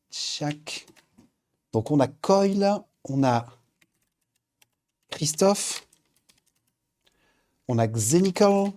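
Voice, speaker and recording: Man, livestream host, casual chat, warm mellow tone, chatty, lots of fillers. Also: mid-range voice, slight background noise. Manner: chatty, reads viewer names aloud, frequent fillers.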